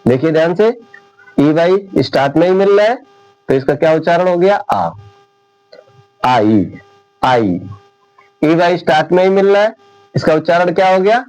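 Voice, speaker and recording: A man teaching an English lesson, talking slowly and deliberately and repeating each point. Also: high voice, a little mellow, rough recording. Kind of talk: classroom lecture.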